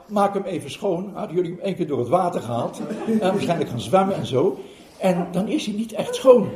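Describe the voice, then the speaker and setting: A man voicing a wise old male Chinese fisherman in a story, calm, firm and instructing. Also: sits high. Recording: roomy hall recording.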